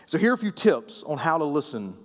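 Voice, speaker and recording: A man preaching a sermon as pastor, conversational and playful with the congregation, often dropping soft and low at the ends of phrases. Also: sing-song, brisk. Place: church sanctuary. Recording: long reverb of a church hall.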